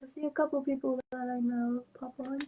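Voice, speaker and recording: A young woman chatting casually while doing her makeup on a live stream. She giggles, stays relaxed and greets viewers. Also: sits high, a little fast, phone-quality sound. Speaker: guest. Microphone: phone on a live stream.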